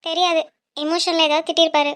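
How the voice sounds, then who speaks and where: A woman voicing a quick-tempered young female student, sharp and worried for her family. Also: very high-pitched, little pitch movement, voice pushed up.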